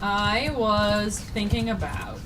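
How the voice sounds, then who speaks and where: A woman author with a mid-range voice hosts a casual livestream while playing a game, speaking slowly. She rambles with frequent laughs and fillers, recorded on a distant mic with noticeable noise.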